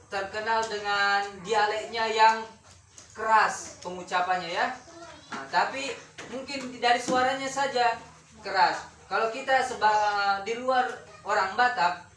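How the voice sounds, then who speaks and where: A woman's voice: mid-range voice, fairly bright tone, slight background noise. A woman teaching a classroom lesson, firing questions at her pupils and repeating key words. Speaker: schoolteacher. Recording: roomy classroom heard from a distance.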